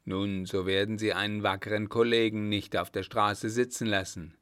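A man's voice: fairly low pitch, flat delivery, moderate pace, a bit bright, clean tone, no room sound, studio quality, close to an everyday voice. A man reading a chatty, friendly servant. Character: cheerful, resourceful servant befriending a coachman.

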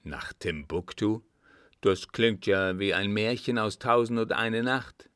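A man voicing an excited young officer friend in an audiobook, loud and astonished. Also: fairly low pitch, takes it slowly, clean tone, no room sound, studio quality. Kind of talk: audiobook dialogue reading.

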